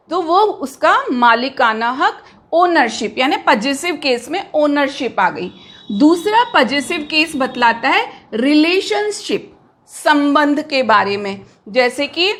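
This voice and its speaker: A woman with a high voice teaches an English grammar lesson in a slow, measured way. She blends Hindi with English terms and often asks the class a question before answering it herself. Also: fairly bright tone.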